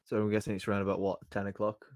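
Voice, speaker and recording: A man's voice: fairly low pitch, monotone, racing, a little mellow, dry recording. A man playing a tabletop game, talking casually with a playful, sarcastic edge. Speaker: player.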